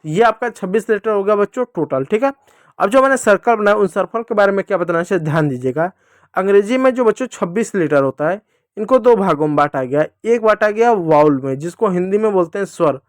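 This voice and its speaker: High-voiced man teaching phonics to children. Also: lively intonation, a little fast, no room sound, clean studio sound. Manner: repetitive, asks and answers own questions. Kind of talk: classroom phonics lesson.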